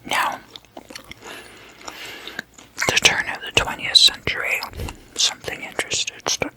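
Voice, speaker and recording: The host of an ASMR roleplay series speaks in a breathy, unvoiced whisper. The delivery is slow, hushed and casual, like chatting at a sleepover.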